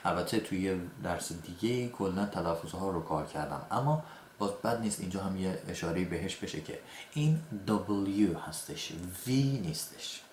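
A man whose first language is Persian, teaching an English grammar lesson and saying his example sentences slowly and carefully. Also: low-pitched, lively intonation, a little mellow. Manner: slow, deliberate example sentences between quick explanations. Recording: echoey room, faint background noise.

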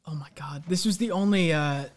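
A man's voice: on the high side, fairly quick. A man guest who has the hiccups, rambling casually and swearing as he talks with friends. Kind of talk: casual group chat. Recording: noisy recording.

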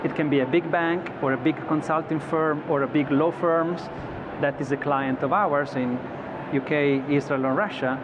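A fairly high-pitched man in his thirties, an executive being interviewed on a convention-floor broadcast set, keeps a moderate pace with fairly even intonation and barely pauses. He speaks thoughtfully, though he frequently restarts and uses fillers. Clear background noise sits under slightly dull audio.

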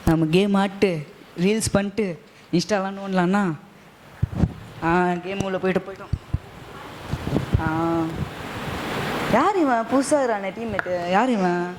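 A woman playing a teenage boy hooked on games and reels, dismissive and excited in a church youth skit. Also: mid-range voice, unhurried, pauses often, slight background noise, close to an everyday voice. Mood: absorbed. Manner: dismissive, excited, brushing people off. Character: phone-obsessed teenage boy gamer.

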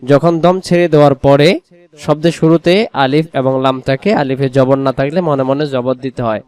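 A man teaching correct pronunciation word by word, drawing out slow syllables and repeating each word. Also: mid-range voice, little pitch movement, darkish tone, clean tone. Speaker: Quran recitation teacher.

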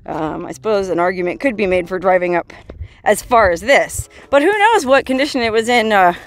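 A woman in her forties, a solo explorer vlogger, films herself on a handheld phone held at arm's length while exploring an old mine and a desert canyon. Her medium-pitched voice is expressive and brisk, and she chats casually, breaking into awed exclamations and laughter.

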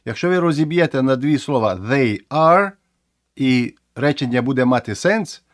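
A man in his own voice teaching English grammar, walking learners through the rules step by step. His pitch sits in the middle range, and the recording is dry and close, with little room sound. He repeats example words aloud to show how they sound. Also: lively intonation, normal speed, dry recording. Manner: explanatory, repeats words to demonstrate.

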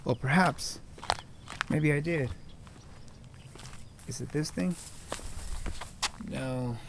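Over background noise, a young man in his twenties draws out his words in a fairly high voice as he explores an open hillside with brush. His casual vlog narration is spoken straight to viewers through a handheld camera held at arm's length while he thinks aloud.

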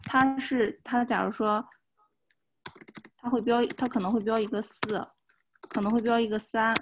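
A woman's voice: a little high, fairly even intonation, moderate pace, a little hiss or hum. A woman teaching a beginners' language class over a video call, explaining patiently step by step. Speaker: Japanese teacher. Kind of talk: online class instruction.

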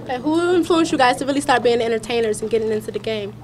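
A woman's voice: fairly high pitch, racing, slight background noise. A teenage girl co-hosting a teen TV show, asking interview questions plainly. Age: teens. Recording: faint music and crowd behind.

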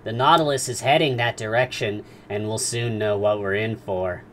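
A man's voice: fairly low pitch, moderate pace, fairly bright tone, a little hiss or hum, natural voice. A man reading aloud as an earnest young servant who speaks seriously and lists facts pedantically.

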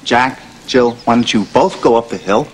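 A man's voice: medium pitch, normal speed, slight background noise, natural voice. An actor playing an impatient travelling man in a TV musical comedy, grumbling in exasperation. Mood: exasperated. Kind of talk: live-action TV musical comedy acting.

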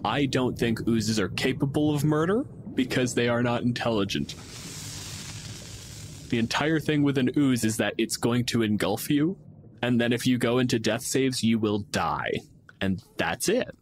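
There's background noise behind this man, who talks at a normal pace in a medium-pitched voice. He's a podcast co-host and game master, bluntly and profanely arguing his opinions in casual conversation.

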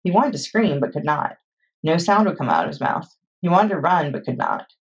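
Low-voiced lady reading a kids' book out loud, husky, muffled lo-fi sound. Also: sing-song, moderate pace. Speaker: children's librarian reading a chapter book. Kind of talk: read-aloud storytime narration. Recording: dull lo-fi recording.

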